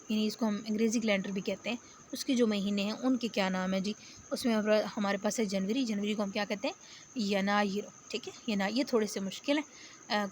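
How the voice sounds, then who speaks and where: A woman teacher giving a spoken lesson, patient, explaining step by step and repeating words slowly. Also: medium pitch, a little hiss or hum. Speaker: Arabic teacher. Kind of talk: spoken lecture.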